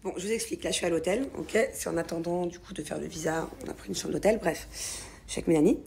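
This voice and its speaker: Woman, gravelly voice, casual rambling vlog story, lots of fillers. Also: lowish voice, fast talker, noisy background. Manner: chatty, rambling with many fillers. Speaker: vlogger.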